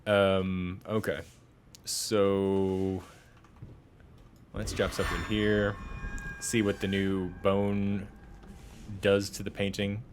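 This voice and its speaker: A man's voice: lowish voice, completely flat delivery, drawn-out words, long pauses, background noise. A young man casually commenting on a game he plays, joking and rambling to viewers. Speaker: gaming streamer. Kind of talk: casual let's-play commentary.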